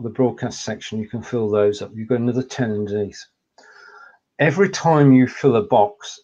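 An older Englishman with an accent blending Lancashire and Cumbrian speech co-hosts a casual video call, explaining things methodically in a warm, medium-pitched voice. He's in a home room with pictures on the wall, and the audio, picked up by a webcam or desk mic, sounds dull.

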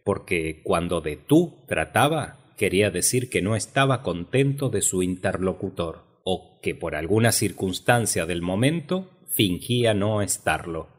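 A man reading a memoir as an audiobook, with measured, expressive storytelling. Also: sits low. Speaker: narrator.

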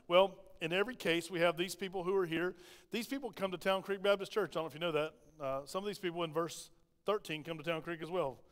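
A man with a Southern American accent, preaching a sermon in a church and asking the congregation plenty of rhetorical questions. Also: high-pitched. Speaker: pastor. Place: church sanctuary. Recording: long reverb of a church hall.

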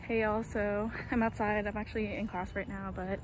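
A woman's voice: mid-range voice, flat delivery, normal speed, over loud music. A woman, chatting casually to her phone camera in a student vlog, upbeat and full of fillers. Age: 20s. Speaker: college student vlogger.

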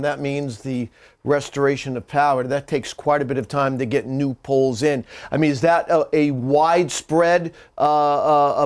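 A man anchoring a weather newscast, putting questions in a live interview. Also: a little high.

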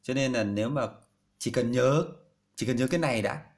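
A man's voice: mid-range voice, brisk. A man teaching a casual language lesson, repeating each syllable after a recording and then explaining it plainly. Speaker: Chinese teacher.

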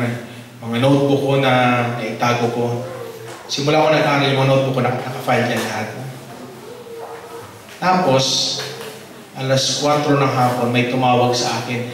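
A priest tells a personal story in his sermon and acts out each voice with animation. His mid-pitched voice comes from a distance and rings through a very echoey hall. Faint noise sits under the voice. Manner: animated storyteller acting out dialogue. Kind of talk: sermon testimony.

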